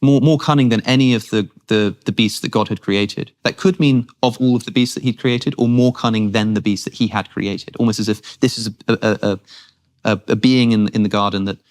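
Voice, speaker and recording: A man's voice: lowish voice, steady tone, brisk, a little mellow. A man speaking as a guest in a long-form conversation, thinking aloud earnestly with frequent restarts.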